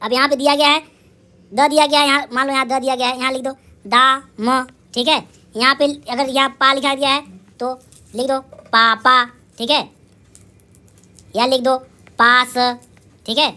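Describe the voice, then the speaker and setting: Woman teacher, high-pitched, bright tone, sounds out syllables, self-answered questions. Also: level tone, normal speed. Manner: asks and answers her own questions; cheerful exclamations of praise. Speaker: primary school teacher. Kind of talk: lively recorded lesson for young children.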